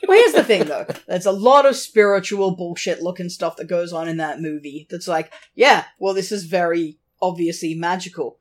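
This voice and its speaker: A woman co-hosting a casual film review podcast, animated and sweary, laughing often. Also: on the low side, normal speed, few pauses. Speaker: podcast co-host.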